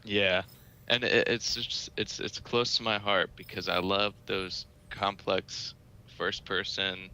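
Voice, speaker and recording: A man's voice: on the low side, level tone, takes it slowly, pushed and bright, smooth, poor audio. A man talking as a guest on a casual podcast, hesitant with fillers and often laughing mid-sentence. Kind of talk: casual chat.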